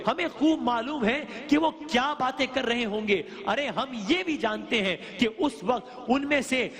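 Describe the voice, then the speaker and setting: A woman's voice: sits high, a bit bright. A woman delivers a religious lecture, explaining scripture in an earnest, searching way. She often turns to her listeners with questions. Her voice rings with a long reverb, as if in a large hall. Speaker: religious speaker.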